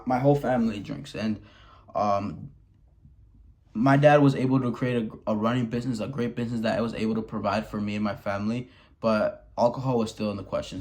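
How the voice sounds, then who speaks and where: A Wisconsin man in his early twenties delivers a candid personal monologue to the camera in a mid-range, slightly mellow voice. He's blunt, swears a lot, and keeps restarting his sentences.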